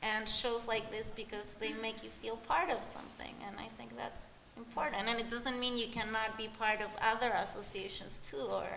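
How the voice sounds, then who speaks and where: Bright-voiced Chilean-raised woman, rambling panelist. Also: a little high, fairly even intonation, moderate pace, creaky, few pauses. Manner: rambling, many "like" fillers and restarts. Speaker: panelist artist. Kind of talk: casual panel talk. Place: large gallery room with audience. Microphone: table mic on stand. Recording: echoey gallery room, faint noise.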